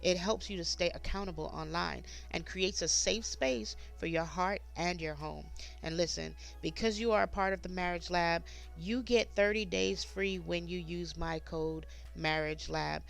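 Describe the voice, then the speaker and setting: Gravelly low woman reading a sponsor ad. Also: moderate pace, few pauses, soft background music. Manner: upbeat, salesy. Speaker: sponsor read host. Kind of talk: ad read.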